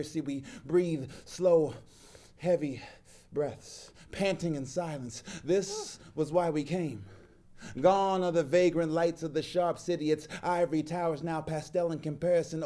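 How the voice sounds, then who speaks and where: Man reading spoken-word poetry, mellow. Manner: slow, measured, low-pitched delivery. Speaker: poet.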